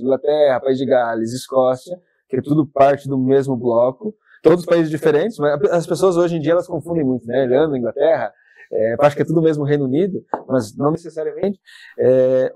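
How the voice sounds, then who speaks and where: A man with a southern Brazilian accent, a podcast guest telling stories in a talkative, animated way. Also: mid-range voice, no echo. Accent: southern Brazilian Portuguese. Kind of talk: casual interview chat.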